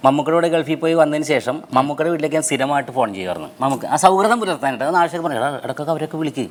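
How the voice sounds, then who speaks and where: Fast-talking man telling a story. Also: fairly high pitch, a little hiss or hum. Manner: animated anecdote telling, acts out phone calls. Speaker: guest. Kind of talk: storytelling on a TV chat show.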